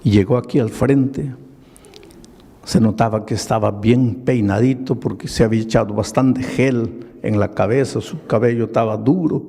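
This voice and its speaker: A middle-aged man, a pastor, telling a story in a sermon at an earnest, measured pace and acting out the dialogue in it. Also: medium pitch, steady tone, vocal fry, mellow, slightly rough. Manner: slow, earnest storytelling that acts out quoted dialogue. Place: large hall. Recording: long reverb of a large hall.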